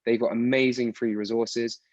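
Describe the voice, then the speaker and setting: Recorded dry with a dull lo-fi quality, a man from the United Kingdom in his thirties talks as a podcast guest at normal speed. His mid-range voice is level and a little mellow, and his casual, rambling replies are full of restarts.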